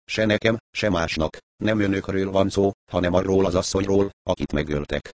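A man voicing a calm male investigator who asks probing, reasoning questions in an audiobook. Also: sits low, a little hiss or hum, close to an everyday voice.

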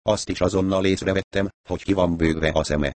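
A man narrating an audiobook in a steady storytelling manner. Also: low voice, no echo. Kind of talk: scripted narration.

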